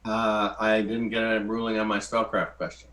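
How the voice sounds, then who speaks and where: A man talking casually and haltingly as a tabletop game player, in echoey room sound. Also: on the low side, monotone, fairly bright tone.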